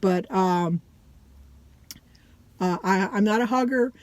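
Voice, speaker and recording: A woman's voice: mid-range voice, slow pace, darkish tone, no echo. A middle-aged or older woman vlogger chatting casually to her viewers, rambling and often breaking off mid-sentence.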